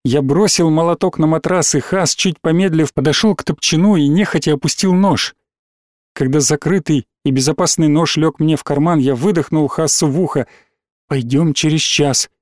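A man narrating a story aloud in a measured, tense storytelling manner. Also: on the high side, a little mellow, no echo, studio quality. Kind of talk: audiobook narration.

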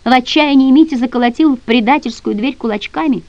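A woman narrating an audiobook dramatically, with sharp swings between loud and hushed passages. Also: high voice, fairly quick, no echo. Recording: dry, slightly dull audio.

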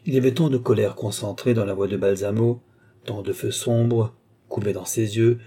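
A man reading a classic novel aloud as narrator, with an even storytelling delivery. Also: on the low side, normal speed, husky. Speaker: audiobook narrator. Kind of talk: scripted narration.

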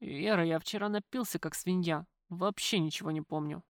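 A woman's voice: lowish voice, moderate pace, no echo, close to an everyday voice. A spoiled young man talks back to his father in a sullen, grumbling way, as a woman narrator reads him. The read is close and dry. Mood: sheepish. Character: sulky young man, a spoiled newlywed son.

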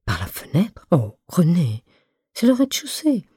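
A woman's voice: fairly low pitch, huge pitch swings, measured pace, warm tone, husky, no room sound, clean studio sound, full character voice. A woman voicing an eager, shy young man in love, pleading fervently in an audiobook. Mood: polite, eager. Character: ardent shy young male suitor, eager.

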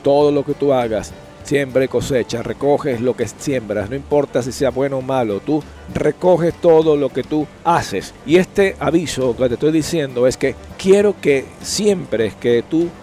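A man's voice: medium pitch, a little slow, warm tone, soft background music. A man who hosts a trucker channel, speaking outdoors and preaching to his viewers with earnest, repetitive urging. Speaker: trucker vlogger and host.

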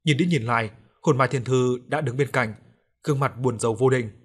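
A man giving steady scripted narration of a ghost story. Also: mid-range voice, brisk, breathy edge.

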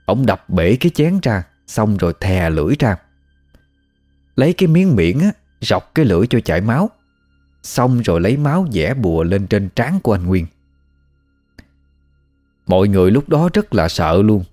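A man with a Southern Vietnamese accent tells a ghost story in a relaxed, folksy, conversational manner. His voice sits low and mellow, and quiet music plays underneath. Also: moderate pace, long pauses. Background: faint music.

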